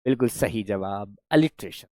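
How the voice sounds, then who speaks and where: A man's voice: on the low side, moderate pace, no echo, clean studio sound. A man teaching a grammar lesson, encouraging the class, repeating sounds again and again and praising answers. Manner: lively, encouraging, drills sounds by repeating them.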